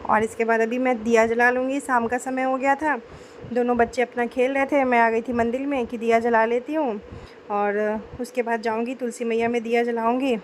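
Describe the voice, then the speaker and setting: A young woman with a sore throat narrating a home vlog in a chatty, homely voice-over, speaking gently. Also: a little high, a little hiss or hum. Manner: chatty, homely, mixes in English words. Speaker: vlogger.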